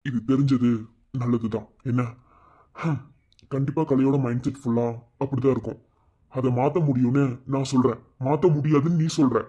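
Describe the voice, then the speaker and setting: A man voicing a calm cartoon husband who soothes his worried wife on the phone. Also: mid-range voice, normal speed, breathy edge, lightly acted. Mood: reassuring. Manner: steady, soothing, firm. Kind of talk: cartoon voice acting. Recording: dull lo-fi sound.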